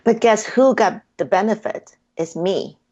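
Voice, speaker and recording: A hypnotherapy practitioner whose first language is Cantonese chats effusively as a guest in a casual interview, dropping frequent ums. Her mid-range voice has a darkish tone and a measured pace, and the sound is lo-fi.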